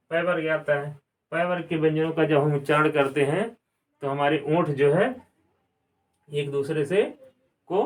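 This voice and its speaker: A male grammar teacher giving a classroom lesson, asking questions and answering them himself, repeating key words. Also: fairly high pitch. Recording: distant mic, some room sound.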